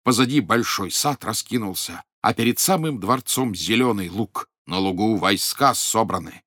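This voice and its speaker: A man narrating a folk tale in an expressive, storytelling manner. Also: fairly low pitch, moderate pace, no room sound, studio quality.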